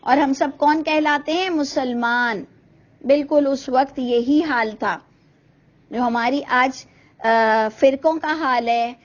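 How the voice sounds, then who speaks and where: A woman's voice: high voice, steady tone, highs cut off. A woman teaching an online Quran commentary class, speaking earnestly, asking rhetorical questions and mixing in English words. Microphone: video call.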